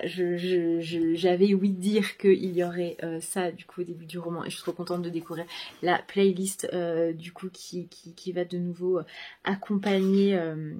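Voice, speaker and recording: A woman book vlogger chatting casually as she unboxes books. She talks in a halting way, full of fillers and restarts, and gushes with enthusiasm. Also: on the low side, darkish tone. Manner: gushing enthusiasm.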